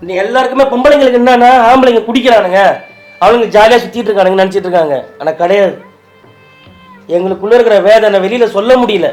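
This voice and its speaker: A man's voice: high-pitched, quick pace, darkish tone, faint music behind. A man who is crying as he pleads with his wife and tries to reassure her. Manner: tearful, pleading and consoling. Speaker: husband in a staged prank video. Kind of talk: emotional scripted couple conversation.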